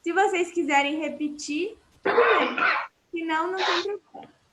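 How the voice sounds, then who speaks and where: A woman's voice: extremely high pitch, normal speed, very noisy. A woman with a Brazilian accent teaching Portuguese vocabulary in an online class, explaining patiently and repeating words for her students.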